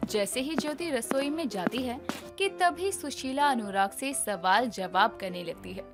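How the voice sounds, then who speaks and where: Unhurried and very animated in pitch, a woman with a fairly high voice narrates a scripted bedtime tale while background music plays clearly.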